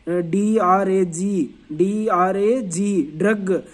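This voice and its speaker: High-voiced man drilling word lists. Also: extremely slow. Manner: drilling word lists by repetition, asking and answering his own questions; spells English words letter by letter. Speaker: teacher. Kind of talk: exam revision lesson.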